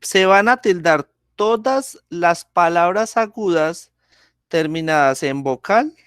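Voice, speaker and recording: A man's voice: sits high, animated, fairly bright tone, clean tone, no echo, clean studio sound. A man teaching a grammar lesson over a video call, speaking patiently and checking in with the class often. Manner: slow, patient, checks in with frequent "¿sí?".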